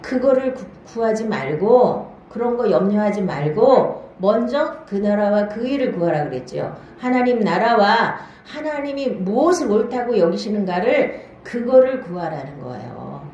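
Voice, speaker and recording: A woman's voice: medium pitch, animated, a little slow, hardly any pauses, a little mellow, a little hiss or hum. A woman pastor preaching a Bible-study sermon in a church hall, often asking the listeners questions and checking they follow. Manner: marks each new point with a short "now then".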